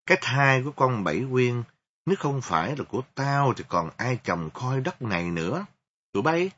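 A man's voice: mid-range voice, very animated, normal speed, a bit bright, slightly rough, voice pushed up. A man doing a boastful drunken soldier. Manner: boastful bragging. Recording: dull lo-fi recording.

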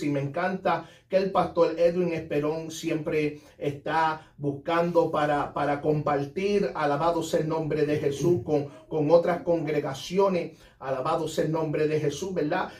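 Brief: fervent male pastor, fairly high voice, stops for praise constantly, roomy sound from a distant mic. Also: darkish tone. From United States. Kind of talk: giving a church testimony on radio.

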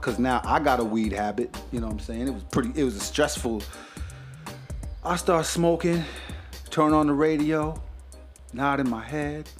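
A male stand-up comic tells a story on a comedy stage in loose, slangy speech, acting out everyone in it. His voice sits a bit higher than most men's. Faint music runs behind him. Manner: slangy, animated, acts out the characters.

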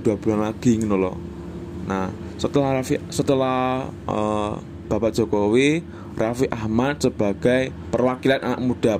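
A young man from Indonesia with a Javanese accent chats loosely on his own podcast, rambling and dropping in Javanese and English words. His voice is dark and mellow, and a faint hiss sits under the recording. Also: mid-range voice. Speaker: podcast host. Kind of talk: casual solo podcast chat.

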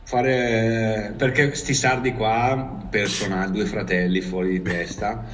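A man's voice: lowish voice, level tone, takes it slowly, a bit bright, a little hiss or hum. A man with a northern Italian accent telling stories in casual chat, rambling and slangy, with swearing thrown in. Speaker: storyteller recalling life abroad. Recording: distant mic.

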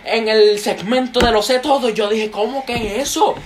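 A young man, co-hosting a casual group chat in a playful, excitable way. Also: very high voice, normal speed. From Puerto Rico. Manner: excitable, playful, keeps saying "papi". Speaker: co-host.

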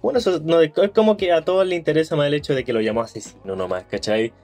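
A man's voice: on the high side, quick pace, darkish tone, soft background music. A young man with a Chilean accent in a casual podcast chat, crude and joking, laughing often. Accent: Chilean Spanish.

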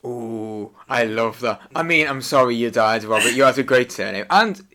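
A man's voice: mid-range voice, animated, normal speed, bright, forceful tone. A man co-hosting in casual comic banter, playful and quipping with a mock-serious touch. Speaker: podcast co-host.

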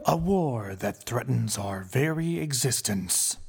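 A man voicing a dramatic movie-trailer announcer, drawn out slowly for a podcast intro. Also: medium pitch, lively intonation, vocal fry, background noise. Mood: ominous. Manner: slow, drawn-out trailer delivery.

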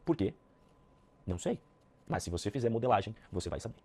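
A man teaching a live online sales class, energetic, repeating key points and checking in with his students. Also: fairly low pitch, fast talker. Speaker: sales trainer. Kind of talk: live online training talk.

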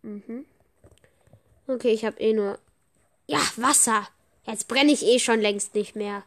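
Excitable high-voiced woman commenting on a game. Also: takes it slowly. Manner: excitable, chatty, frequent slang exclamations. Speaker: gaming podcaster. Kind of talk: casual gameplay commentary.

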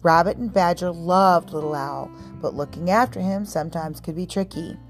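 A woman hosting a podcast, reading a children's book aloud in a calm, clear, steady way. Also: on the low side, moderate pace, faint music behind. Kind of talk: storybook read-aloud narration.

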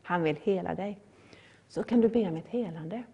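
Husky woman preaching earnestly. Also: fairly low pitch, dull audio. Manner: earnest, repetitive, loud rising appeals. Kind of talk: sermon.

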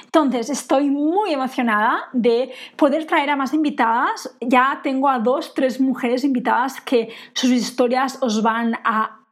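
High-voiced woman podcast coach. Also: unhurried. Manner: earnest, encouraging, repeats phrases for emphasis. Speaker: podcast host and coach for women entrepreneurs. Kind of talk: motivational podcast monologue.

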